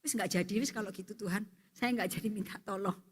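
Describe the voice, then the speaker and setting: A man's voice: high-pitched, fast, breathy edge. A woman preacher voicing a stranded male traveler who pleads with rising, anxious cries, in a long church-hall reverb. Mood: stubborn.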